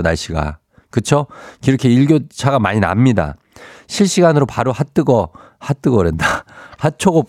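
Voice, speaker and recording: Male radio host, mid-pitched, breezy and joking, close dry studio mic. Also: dark tone, dry recording. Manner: chatty, playful, reads listener texts aloud. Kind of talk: casual morning radio chat. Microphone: studio microphone.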